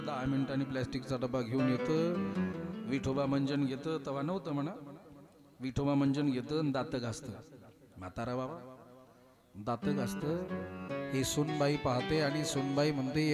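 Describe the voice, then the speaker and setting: A man preaching a devotional kirtan, telling a story with loud and quiet turns. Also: medium pitch. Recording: live kirtan with instrument music.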